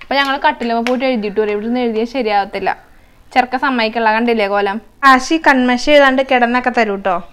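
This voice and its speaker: A woman's voice: on the high side, fast talker, a bit bright, smooth. A young mother from chatting to viewers in a casual home vlog while coaxing her toddler. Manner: chatty, coaxing, switches between talking to viewers and her child. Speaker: mother and craft vlogger. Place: home indoors.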